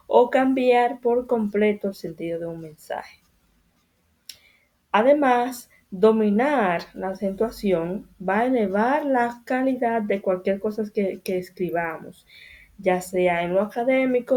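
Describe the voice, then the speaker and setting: Woman teacher addressing children, unhurried and deliberate, mellow tone, repeats key points. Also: mid-range voice. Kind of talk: spanish grammar lesson for children.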